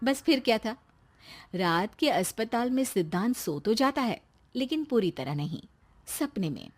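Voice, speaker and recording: A woman's voice: a little high, sing-song, a little slow. A woman narrating a storybook tale in a plain storytelling manner.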